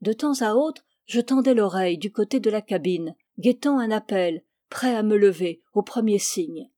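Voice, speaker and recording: Woman, audiobook narration, measured and expressive, mellow tone, dry close sound. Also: mid-range voice, dry recording. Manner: measured, expressive literary reading. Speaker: reader. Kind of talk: audiobook reading of a classic tale.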